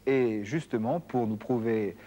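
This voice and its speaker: Laid back male tv host, a bit halting, bringing on a guest. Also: mid-range voice, dark tone. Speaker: TV show host. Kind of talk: introducing a guest on a variety show.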